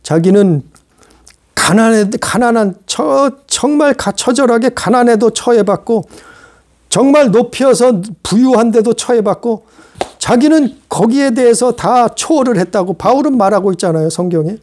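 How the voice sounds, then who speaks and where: A man's voice: very high-pitched, lively intonation, normal speed, darkish tone. A man pastor preaching a sermon, emphatic and repetitive, full of rhetorical questions.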